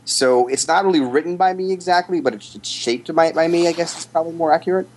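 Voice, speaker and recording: A man's voice: a little high, fast talker, slight background noise. A man, a photographer, answering questions in a casual interview with rambling, thoughtful explanations. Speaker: guest, photographer.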